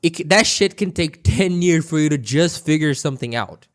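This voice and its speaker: A man's voice: a little high, expressive, normal speed. A man with a Brazilian Portuguese accent giving casual, blunt reaction commentary, cutting in with exasperated, sweary asides. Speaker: reaction streamer.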